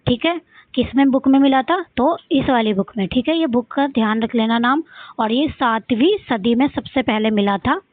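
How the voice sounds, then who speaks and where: A woman's voice: a little high, moderate pace, dry recording. A woman with a Rajasthani accent teaching an exam-prep lesson. She asks questions and answers them herself, repeating key points. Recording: dry, phone-like audio.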